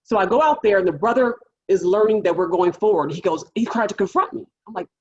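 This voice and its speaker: A woman with a husky, breathy voice tells a story in animated fashion, and she acts out the other people's lines. The sound is muffled and lo-fi. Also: mid-range voice, fast talker. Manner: animated storytelling with acted quotes. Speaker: public defender. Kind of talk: panel storytelling.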